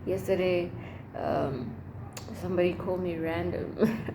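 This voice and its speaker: A young woman with a slightly low voice talks in a casual, chatty vlog style. She rambles expressively and leans hard on her slangy phrases. There is clear background noise around her. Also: steady tone, measured pace. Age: young adult. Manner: emphatic, slangy. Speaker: vlogger. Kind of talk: casual chat to camera.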